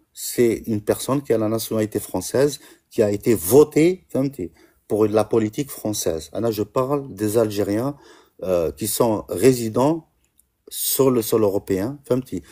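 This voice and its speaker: Man, Algerian Constantine accent, low mellow voice, halting live-stream rant. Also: animated. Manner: halting, many "euh" fillers, mixing Arabic and French. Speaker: diaspora activist on a live stream. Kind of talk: impassioned live-stream monologue.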